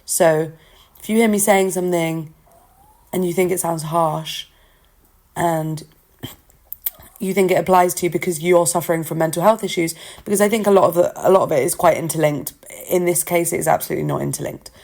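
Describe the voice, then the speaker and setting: Low, creaky-voiced woman thinking aloud. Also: fairly even intonation, fairly quick, darkish tone. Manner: candid, self-deprecating, hesitant, thinking aloud. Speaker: podcast host. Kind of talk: informal solo opinion talk. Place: at home. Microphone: talking into a phone, no studio.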